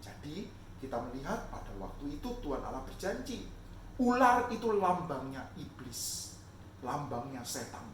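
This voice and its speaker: A pastor and father tells a Bible story to children, acting out scenes in a lively way. His pitch swings up and down constantly. The voice echoes through a bare room at home, picked up from a distance with faint background noise. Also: normal speed. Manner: lively, animated, acts out scenes. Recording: echoey room, mic far off.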